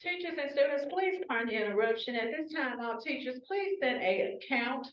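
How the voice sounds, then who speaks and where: A woman's voice crackles over a school intercom, slightly high and politely formal as she repeats her request to teachers. The sound is dull and lo-fi, coming from a distant wall speaker. It echoes around the classroom. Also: lively intonation, normal speed. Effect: school intercom loudspeaker. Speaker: school office announcer. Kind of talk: public address announcement. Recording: muffled echoey loudspeaker heard from afar.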